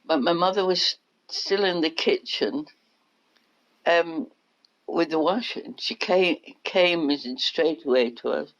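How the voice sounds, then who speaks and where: Slow-spoken older woman. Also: low-pitched. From England. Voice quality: unhurried storyteller, acts out quotes. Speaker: interviewee. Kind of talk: reminiscing in an oral history interview. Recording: dull lo-fi recording.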